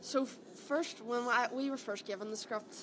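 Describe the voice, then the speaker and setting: A young woman from Derry in Northern Ireland chats casually as an actor being interviewed about a play, her talk colloquial and peppered with "aye" and "like". Her voice is on the high side and moves at a normal speed. The background ambience is clearly noisy.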